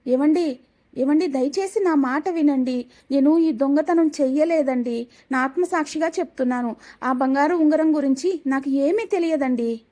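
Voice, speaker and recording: A woman voicing a patient, polite young daughter-in-law who speaks pleadingly and gently. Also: sits high, moderate pace, pitched above the performer's own voice, natural voice.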